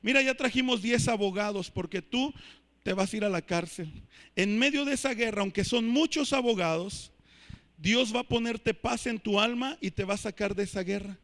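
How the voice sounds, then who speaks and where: A man preaching a sermon in church, emphatic and swelling to shouts. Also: sits high, normal speed. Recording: reverberant church hall.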